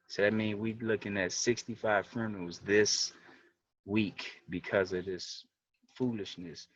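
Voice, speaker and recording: Earnest low-voiced man presenting. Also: dull audio. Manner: earnest, walks through web pages on screen. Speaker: community organization leader. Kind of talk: livestream presentation.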